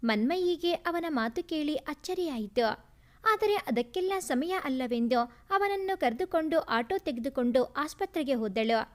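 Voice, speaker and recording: A woman narrating a family story in an expressive, lyrical way. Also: high-pitched, moderate pace.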